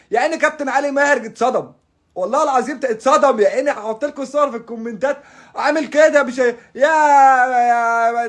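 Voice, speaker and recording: An Egyptian man with an Egyptian Arabic accent, ranting about football as a fan in a casual, exasperated way, stammering and restarting, with bursts of laughter. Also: very high voice. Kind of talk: frustrated casual rant.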